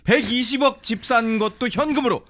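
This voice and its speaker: A man's voice: extremely high pitch, normal speed, fairly bright tone, no room sound, studio quality. A man hosting a talk show, chatting casually and reacting with short interjections. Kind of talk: casual chat.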